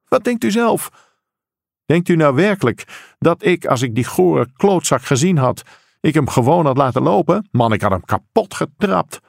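A man voicing an enraged middle-aged father who shouts and swears at a policeman. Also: mid-range voice, normal speed, vocal fry, no echo, studio quality, pitched above the performer's own voice, close to an everyday voice.

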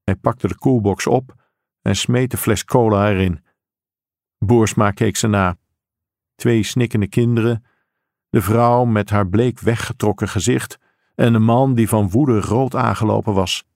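A man reading a crime story aloud in steady, measured scripted narration. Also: fairly low pitch, dry recording, studio quality. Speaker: audiobook narrator.

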